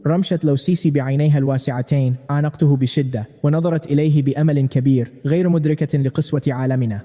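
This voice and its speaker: Fast, dark-voiced man narrating a recap. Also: on the high side, fairly even intonation, in a large hall. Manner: brisk, storytelling.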